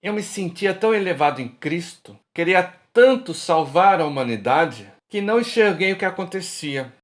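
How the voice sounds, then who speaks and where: In a radio drama, a man plays a regretful middle-aged Brazilian drinker having casual bar chat with old friends. His voice is somewhat high for a man and rises and falls a lot. He speaks animatedly at normal speed, frank and colloquial.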